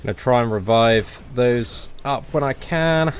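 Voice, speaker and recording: A young man giving casual game commentary as a boss guide, chatty and relaxed with lots of fillers. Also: mid-range voice, measured pace, slight background noise. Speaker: gaming channel host.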